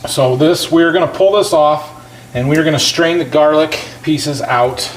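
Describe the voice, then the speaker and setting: Sounding like a home cooking show host, a man with a slightly high voice explains each step in a folksy, casual manner at a measured pace. Kitchen clatter is clearly audible behind him.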